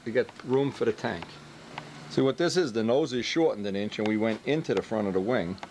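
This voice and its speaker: A man's voice: fairly low pitch, fairly quick, a little mellow, a little hiss or hum, poor audio. A man giving casual hands-on workshop commentary, joking and teasing his helpers as he instructs them. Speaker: host, model plane builder directing helpers.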